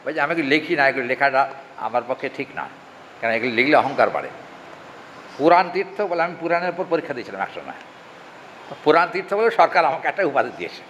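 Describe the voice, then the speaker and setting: A man giving a devotional scripture talk, chanting Sanskrit verses slowly and often asking his listeners questions. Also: medium pitch, lively intonation, fairly bright tone. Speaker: religious reader and preacher. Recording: hall reverb, faint ambient noise.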